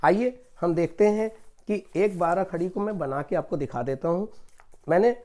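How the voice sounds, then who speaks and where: A man's voice: high-pitched, mellow. A male teacher giving an online lesson on reading syllables, explaining patiently and reciting each sound one by one. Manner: slow, deliberate syllable-by-syllable recitation.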